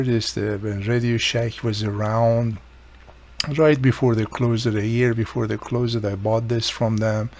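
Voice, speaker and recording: A radio repair hobbyist presents his own how-to video, walking through a repair casually and step by step as he works. His voice is medium-pitched and creaky, with a darkish tone.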